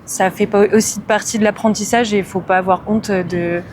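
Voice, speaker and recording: A woman answering a street interview in a measured way, with frequent fillers. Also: medium pitch, steady tone, a crowd in the background. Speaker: passerby.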